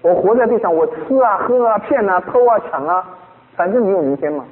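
A man preaching a sermon as a pastor, animated and full of rhetorical questions. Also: high voice, a little fast, long reverb tail, phone-quality sound.

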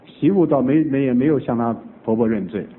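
A man preaching, telling a family conversion story with lively acted-out dialogue. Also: mid-range voice, a little fast, a little hiss or hum. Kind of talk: sermon testimony storytelling. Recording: tinny phone-like old recording.

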